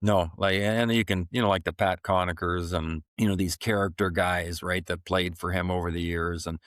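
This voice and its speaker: A man's voice: low voice, fairly even intonation, normal speed, fairly bright tone, no echo, studio quality. A middle-aged man, a former hockey player, telling stories on a podcast, rambling with many fillers and restarts. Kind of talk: casual podcast storytelling.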